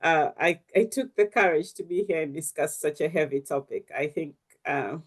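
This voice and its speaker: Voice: medium pitch, moderate pace. A panelist from Tanzania speaking hesitantly on a video call, with many restarts. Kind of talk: casual panel remarks.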